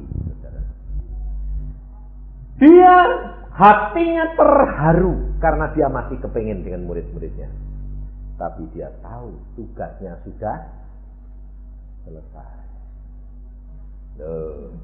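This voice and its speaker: A man preaching a lively sermon. He swings between loud, high exclamations and low, quiet asides, and he keeps putting questions to the congregation. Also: slow pace, long pauses. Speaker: pastor. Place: church. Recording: echoey church hall through a thin phone-like sound.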